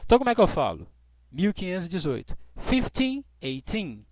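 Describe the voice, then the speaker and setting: A man teaching English dates, who explains patiently and slows right down to model each English phrase. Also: sits high, wildly swooping pitch, a little mellow, no echo. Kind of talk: classroom explanation.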